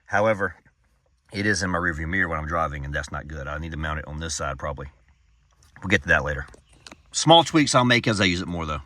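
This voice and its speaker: A man's voice: extremely low pitch, lively intonation, quick pace, bright, forceful tone, no room sound, studio quality. A man giving a casual vlog review, talking in an informal, rambling, folksy way. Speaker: product reviewer and off-road hobbyist.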